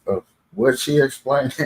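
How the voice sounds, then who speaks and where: A man's voice: mid-range voice, takes it slowly, husky, low-quality recording. A man hosting a live stream, reacting to a video in casual, slangy chat, joking and laughing often.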